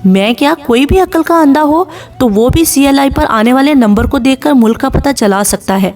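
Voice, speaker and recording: A woman's voice: high-pitched, animated, a little mellow, soft background music. A woman voicing a distraught young woman who pleads on the phone, tearful and strained. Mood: pleading.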